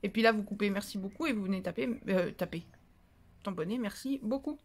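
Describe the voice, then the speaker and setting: A woman's voice: medium pitch, fairly quick. A woman hosting a paper-craft tutorial, talking casually and rambling as she thinks aloud, with playful little asides. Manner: chatty and rambling, thinking aloud while stamping; playful, drifts into silly singsong asides.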